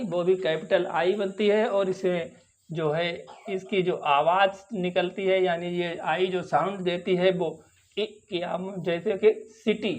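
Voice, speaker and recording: A man teaching English vowel sounds, slowly repeating each example word. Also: high-pitched. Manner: slow, drawn-out, repeats example words. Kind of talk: phonics lesson.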